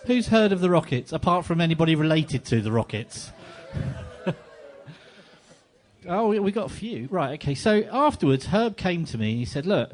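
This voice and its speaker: A man's voice: fairly high pitch, normal speed, pauses often. A man hosting a live on-stage interview in a cafe, chatty and joking with his guests. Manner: jokey, chatty and animated. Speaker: interviewer and event host. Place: cafe venue with a live audience.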